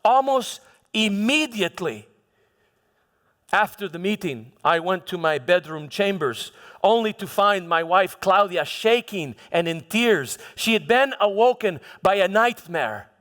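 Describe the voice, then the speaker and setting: Before a congregation, a church dramatization performer delivers a dramatic first-person monologue as Pontius Pilate, the troubled, self-justifying Roman governor, recounting events with emphatic repetition. His high-sitting voice is lively in intonation, unhurried and a bit bright. A long hall reverb surrounds him in the large space.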